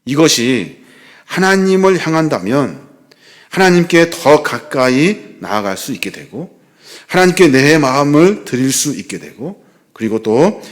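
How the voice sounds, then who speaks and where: A man in his forties, a pastor, giving an earnest sermon that rises to fervent pleading. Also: medium pitch. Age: 40s. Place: church hall.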